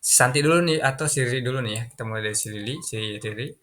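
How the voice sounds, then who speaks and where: Bright-voiced Indonesian male teacher. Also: medium pitch, rapid-fire, a little hiss or hum. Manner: repeats and translates words, frequent "gitu ya" fillers. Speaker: English teacher. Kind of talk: classroom lesson explaining vocabulary.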